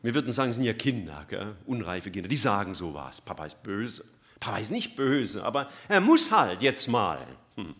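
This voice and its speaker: A man preaching a sermon, swinging between loud emphatic lines and soft, almost whispered ones. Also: lowish voice, very animated, normal speed.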